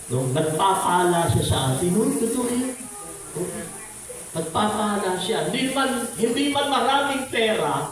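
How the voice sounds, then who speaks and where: A man's voice: high voice, very echoey, far from the mic, a little hiss or hum, low-quality recording. A man teaching a congregation in a casual sermon, asking listeners questions and calling on them by name, with frequent tag questions. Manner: conversational, calls on listeners by name, frequent "no?" and "di ba?" tags.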